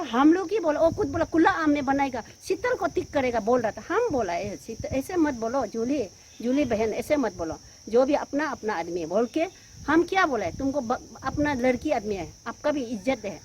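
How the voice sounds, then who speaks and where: Woman from arunachal pleading and scolding in a public statement, kinda high voice, faint background noise. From Arunachal Pradesh, India. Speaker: woman answering allegations on local news.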